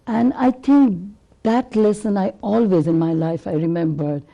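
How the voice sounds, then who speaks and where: A woman in her fifties from Bangladesh, a classical singer, talks earnestly in a conversational interview, her phrasing loose and rambling. Her medium-pitched voice is gravelly and dark, with a measured pace, and the audio is dull.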